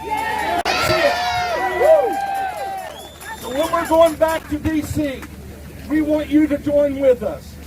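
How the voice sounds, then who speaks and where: A middle-aged man from Ohio giving a defiant rally speech outdoors, shouting at times. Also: extremely high pitch, sing-song, slow pace, pauses often. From Ohio, USA. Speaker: rally speaker. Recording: distant mic, crowd and street noise.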